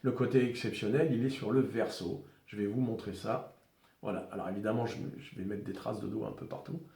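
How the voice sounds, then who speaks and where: A man with a French accent presenting a collector's revolver in a casual, halting way, with many fillers and restarts. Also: on the low side, fairly even intonation, gravelly, warm tone, roomy sound.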